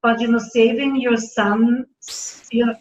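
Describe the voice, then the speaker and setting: A middle-aged woman from Germany, raised in Austria, telling her story in an interview, earnest and halting with many fillers. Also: on the high side, steady tone, a little mellow. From born in Germany, grew up in Austria. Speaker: naturopathic doctor, guest. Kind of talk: casual interview talk. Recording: dull roomy audio.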